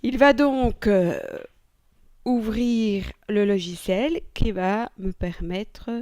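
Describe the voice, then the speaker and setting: A woman teacher walking students through a software installation step by step, chatty and joking as she goes. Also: medium pitch, slow, dry recording. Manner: chatty, thinking aloud with fillers and little jokes. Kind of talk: screen-recorded software tutorial.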